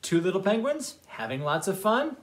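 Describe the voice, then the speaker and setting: A man who is a children's librarian, reading picture books aloud at storytime in an animated, expressive voice. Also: high-pitched, normal speed.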